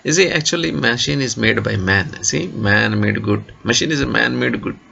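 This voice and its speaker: A man with an Indian English accent giving a classroom lecture to engineering students, slow and repetitive, leaning on "you see" and "okay". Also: mid-range voice, vocal fry, pushed and bright, highs cut off.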